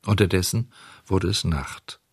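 A man with a fairly low voice reads a children's story aloud, slow and measured with expressive shaping. The sound is dry and close, with no room echo. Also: breathy edge. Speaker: narrator. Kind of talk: scripted storybook narration.

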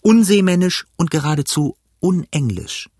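A man's voice: fairly high pitch, lively intonation, normal speed, darkish tone, no room sound, clean studio sound, pitched above the performer's own voice. A man voicing an indignant, blustering country squire in an audiobook reading. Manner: indignant, emphatic.

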